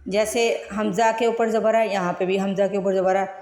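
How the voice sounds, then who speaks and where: A woman teaching Quran recitation word by word. She draws each word out slowly and then explains it in plain speech. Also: mid-range voice, steady tone, darkish tone. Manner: slow drawn-out recitation between plain explanations. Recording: echoey room with long reverb.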